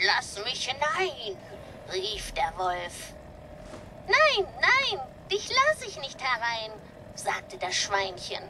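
A woman's voice: sits high, background noise, exaggerated voice. A woman voicing a prim female robot nanny with a slight robotic filter, telling a fairy tale sweetly in video game dialogue. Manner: sing-song, sweetly doting storyteller.

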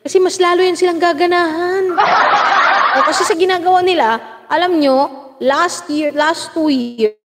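A woman from the Philippines hosting a casual livestream, laughing often and gossiping as she reads out viewer comments and shout-outs. She has a lingering cough. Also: extremely high pitch, normal speed. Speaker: livestream host. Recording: long reverb, loud background noise.

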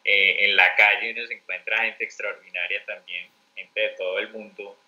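Bright, low-voiced Colombian man. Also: little pitch movement, moderate pace, poor audio. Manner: rambling, many fillers and restarts. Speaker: interview guest, mentor teacher. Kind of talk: conversational interview storytelling.

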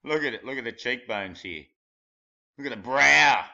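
A man's voice: mid-range voice, animated, normal speed, gravelly, pushed and bright. A man mocking pictures in a rambling, crude commentary, laughing at his own jokes. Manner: crude and blunt. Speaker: conspiracy video commentator. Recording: dull lo-fi home recording.

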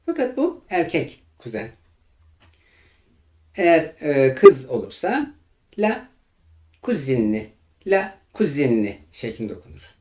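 A man teaching French vocabulary in Turkish, with a Turkish accent, who repeats each example phrase slowly and carefully. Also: mid-range voice, darkish tone. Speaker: language teacher.

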